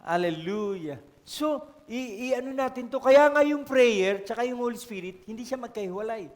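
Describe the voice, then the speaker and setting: A man's voice: very high-pitched, animated, moderate pace. A male pastor with a Filipino accent preaching a sermon in a storytelling way, often calling out to the congregation. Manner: storytelling, code-switching, asks the congregation for responses. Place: church hall. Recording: long church-hall reverb.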